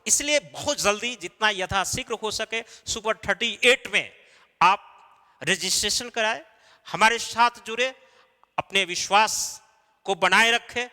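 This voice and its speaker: A man's voice: high voice, measured pace, bright, forceful tone, long reverb tail. A man teaching an exam-preparation class, explaining step by step and answering his own questions. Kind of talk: recorded lecture.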